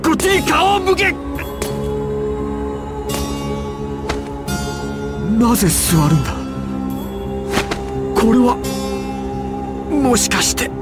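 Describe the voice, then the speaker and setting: In a dramatic anime video game, a man voices a ruthless, imperious crime boss with a full character voice and wildly swooping pitch. He sounds alarmed and angry, theatrical, menacing and deliberate, swinging from a low murmur to shouts. Loud game music plays over the voice clips.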